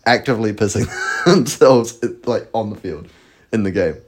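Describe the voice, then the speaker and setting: A man co-hosting a podcast in casual chat, relaxed and wry, telling stories with some swearing. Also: fairly low pitch, moderate pace. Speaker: podcast co-host.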